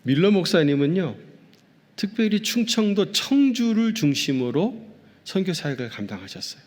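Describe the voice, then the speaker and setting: A man's voice: high-pitched, sing-song, moderate pace. A male pastor giving a sermon, telling a story and speaking directly to his congregation. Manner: warm storytelling preaching with addresses to the congregation. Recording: long reverb from a large hall.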